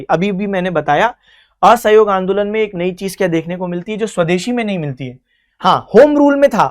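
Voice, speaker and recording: A history teacher leads an online exam-coaching lecture, working through quiz questions one after another. The teacher explains each answer like a story, calls the students "beta" and mixes English terms into the talk. The voice sits at a middle pitch. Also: a little mellow.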